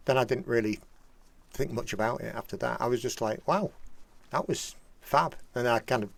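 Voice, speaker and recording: A man hosting an online therapy group over a video call, talking in a soft, rambling, reflective way. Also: medium pitch, vocal fry, dry recording. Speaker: therapist and session host. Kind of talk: casual online group discussion.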